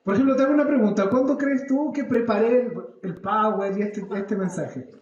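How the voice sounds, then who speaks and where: Man, 30s, pastor preaching, high voice, mellow tone, lively storytelling. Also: fairly quick, muffled recording. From Chile. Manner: animated storytelling, acts out his own prayers and questions the congregation. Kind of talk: church sermon. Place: church service. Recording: echoey church hall.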